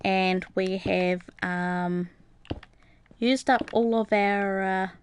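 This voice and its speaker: Smooth-voiced woman chatting on a live stream. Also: mid-range voice, steady tone, drawn-out words. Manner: chatty, many ums and uhs, reads out viewer comments, light laughs. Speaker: gaming livestreamer. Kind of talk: casual live-stream chat while playing.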